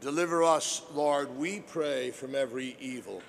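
A male priest reciting the prayers of the Mass in a solemn, deliberate, formal manner, his voice echoing as in a cathedral. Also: medium pitch, gravelly. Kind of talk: liturgical prayer, measured recitation. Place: large echoing church. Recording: cathedral-like echo, long reverb, faint noise.

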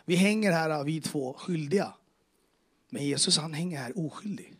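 A man's voice: a little high, fairly bright tone, slightly rough. A man retelling, in a quoted voice, a repentant criminal's plea, reproachful and humble.

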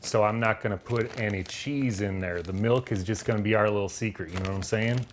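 A man's voice: lowish voice, brisk, slight background noise. Folksy Southern man talking through a recipe. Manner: folksy, rambling, with loose grammar and frequent filler words. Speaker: home cook demonstrating a recipe. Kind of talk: casual cooking demonstration.

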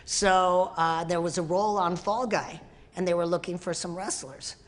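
A woman guest, an actress and stuntwoman, telling lively anecdotes and acting out other people's lines. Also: lowish voice, moderate pace. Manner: animated, acts out other people's voices. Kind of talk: storytelling interview. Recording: long hall reverb.

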